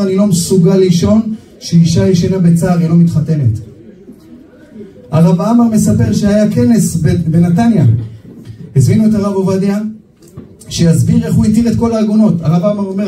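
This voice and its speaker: A man, a rabbi, telling stories in a sermon, animated and acting out the people he quotes. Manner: animated storytelling, acting out quoted voices with sharp pitch swings. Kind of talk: storytelling sermon. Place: memorial gathering hall. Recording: echoey hall, voice from far off, faint background noise.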